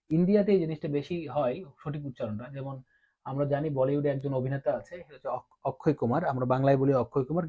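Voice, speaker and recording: A man teaching a class, explaining step by step with patient pauses and hesitations. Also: on the high side, mellow. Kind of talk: explaining at a board. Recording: dull lo-fi recording.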